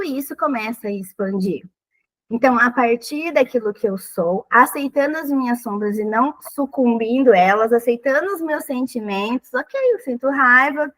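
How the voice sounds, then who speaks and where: A woman with a thin, high voice talks in a relaxed, conversational way as a podcast guest. She is animated and expressive, and she jumps into small acted-out quotes. Her pitch sits well above most women's. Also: rough recording. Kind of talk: casual conversational advice.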